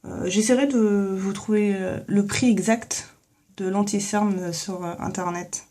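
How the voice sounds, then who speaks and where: In her bathroom, a young woman who makes beauty videos talks through a hair and makeup tutorial, recorded on a phone headset mic. She is chatty, using many fillers and "en fait", with a medium-pitched, warm voice, a steady tone, and a measured pace.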